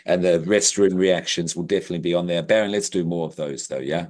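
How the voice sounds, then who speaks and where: A man co-hosting a podcast, chatting casually in a jokey, rambling way with bursts of loud excitement. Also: sits low, fast. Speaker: podcast co-host. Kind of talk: casual podcast sign-off chat.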